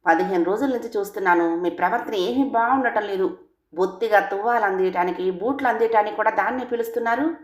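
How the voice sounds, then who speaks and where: A woman voicing a suspicious young housewife who scolds her husband in a sharp, accusing way. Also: mid-range voice, fast, lightly acted. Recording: roomy echo.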